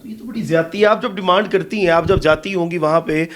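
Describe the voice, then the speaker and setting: A man from Pakistan conducts an interview in a fairly high voice. He asks sympathetic, probing questions and answers with firm comments.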